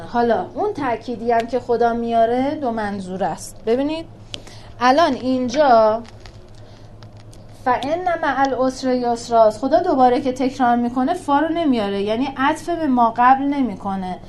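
A woman teaching a religious class on scripture verses. She talks in a lively way, asks rhetorical questions and answers them herself, and recites verses slowly. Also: fairly high pitch, a little hiss or hum. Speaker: teacher of a Quran class for women. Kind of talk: religious lesson explaining scripture.

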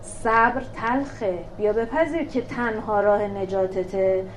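A woman teaching a religious class on scripture verses. She talks in a lively way, asks rhetorical questions and answers them herself, and recites verses slowly. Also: medium pitch, slight background noise. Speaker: teacher of a Quran class for women. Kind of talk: religious lesson explaining scripture.

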